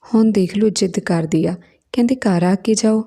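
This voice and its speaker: Older mother-in-law, polite, worried, gravelly voice, read by a woman. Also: medium pitch, moderate pace, warm tone. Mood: fretful.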